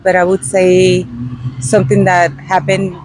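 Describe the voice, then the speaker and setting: A woman from Guatemala, interviewed outdoors in front of a restaurant, answering in a halting, hesitant way with many pauses and fillers. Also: fairly low pitch, monotone, a little mellow, slight background noise, poor audio. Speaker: interview guest. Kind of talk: unscripted street interview.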